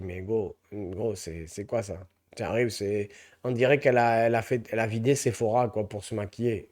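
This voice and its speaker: Slangy young man ranting comically. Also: fairly low pitch. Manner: animated, slangy, mocking. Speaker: comedian vlogger. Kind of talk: comic rant to camera.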